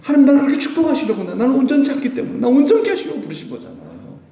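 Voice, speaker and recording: A man's voice: very high voice, wildly swooping pitch, very fast, gravelly, dark tone. A male pastor preaching at a Friday prayer meeting, talking to the congregation in a conversational way, with rhetorical questions and light chuckles. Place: church sanctuary. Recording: roomy hall, voice from a distant mic.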